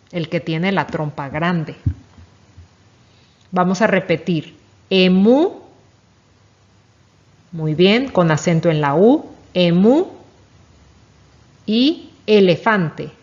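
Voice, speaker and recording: A woman's voice: fairly low pitch, expressive, slow pace. A woman teaching young children their letters, speaking patiently and praising each answer. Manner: patient, encouraging, asks and praises. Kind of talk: children's reading lesson. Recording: dull lo-fi recording.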